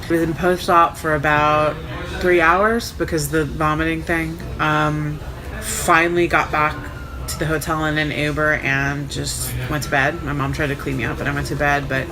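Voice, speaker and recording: A woman's voice: deep voice, flat delivery, normal speed, over music, poor audio. A woman sore and recovering from surgery tells her story casually, in a frank, wry, sarcastic way. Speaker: vlogger recounting own surgery. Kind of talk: casual first-person storytelling.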